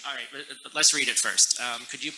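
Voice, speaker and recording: A man teaching a class in a relaxed, joking way, correcting himself as he explains a text. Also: mid-range voice, fairly quick, noisy background.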